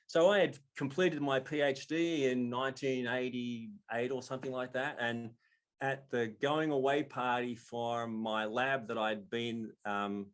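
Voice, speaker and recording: Australian man, 60s, wry storyteller, video call from home. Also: medium pitch. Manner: jovial, wry, self-deprecating. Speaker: storyteller at a community event. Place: home room indoors.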